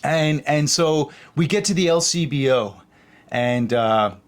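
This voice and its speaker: A man's voice: on the high side, measured pace. A young man from Canada telling a story in a casual, rambling way, full of fillers and acted-out quotes. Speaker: podcast host.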